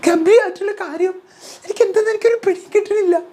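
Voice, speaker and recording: Woman doing a frantic young woman begging to leave, shrill, wobbly, near tears. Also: fast, dark tone. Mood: tearful pleading. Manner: whiny, tearful pleading. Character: distraught young woman pleading to leave the house.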